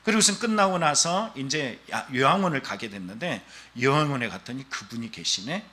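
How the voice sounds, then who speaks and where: A male pastor with a mid-range voice delivers a Sunday sermon at a moderate pace. His preaching is animated storytelling, and he acts out the voices of the people in his stories.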